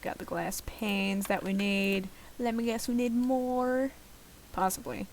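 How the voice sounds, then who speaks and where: Over loud music, a young woman with a medium-pitched, steady voice talks in an unhurried way while playing a survival game. The gaming video host's casual, rambling, self-mocking Let's Play commentary is recorded at home late at night.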